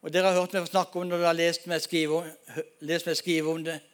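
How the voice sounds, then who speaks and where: High-voiced man preaching a testimony. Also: flat delivery. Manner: storytelling, emphatic, addresses congregation as folks. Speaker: pastor. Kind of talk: sermon testimony.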